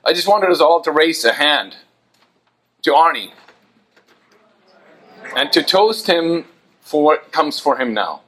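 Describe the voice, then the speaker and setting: A man's voice: on the high side, lively intonation, slow pace, pauses often, a bit bright, rough recording. A man giving a brief, slightly hesitant memorial toast. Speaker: memorial speaker.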